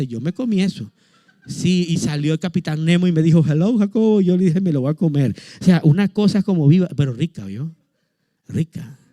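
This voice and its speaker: High-voiced lively preaching pastor, man. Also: no echo, clean studio sound. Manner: lively preaching with humorous asides, rising to fervent exhortation. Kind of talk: sermon.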